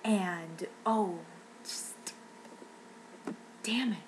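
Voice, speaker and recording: A woman on the verge of tears rants at a middling pitch, her sentences breaking off and starting over. She sounds shaken and hurt. A faint noise sits under her voice. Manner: upset and rambling, halting restarts. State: near tears. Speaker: fan vlogger. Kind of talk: emotional rant.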